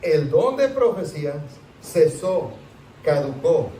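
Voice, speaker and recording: Animated pastor in an echoey hall. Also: male voice, a little high, takes it slowly, slight background noise. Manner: animated, conversational, with rhetorical questions. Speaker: pastor teaching Sunday school. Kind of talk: sermon teaching. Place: church hall. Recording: echoey church room, distant mic.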